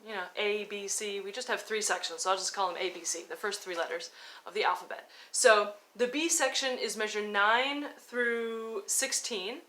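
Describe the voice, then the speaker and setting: A violin teacher gives an instructional lesson, talking and demonstrating as she explains and counts out fingerings. Her coaching is informal and encouraging, delivered at normal speed in a medium-pitched voice with a sharp tone.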